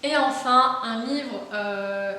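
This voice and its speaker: A woman's voice: on the high side, slow pace, bright, forceful tone. A young woman chatting casually about books, full of fillers, restarts and enthusiasm. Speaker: book vlogger. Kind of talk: casual book haul chat. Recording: very echoey room with faint hiss.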